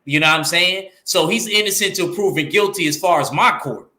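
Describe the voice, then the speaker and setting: A fairly quick, high-pitched man with a New York accent co-hosts a casual boxing talk show, his voice reverberating. He gets animated and emphatic, repeating himself to land the point.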